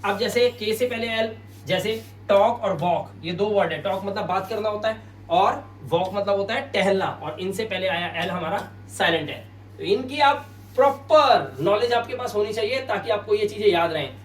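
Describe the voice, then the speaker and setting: A man's voice: high-pitched, recorded from a distance. Man, English teacher, patient, repeats words, quizzes listeners, echoey room, mic set back. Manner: patient, repeats each word slowly. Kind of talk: spoken-English lesson at a board. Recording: roomy sound, mic set back, faint hum.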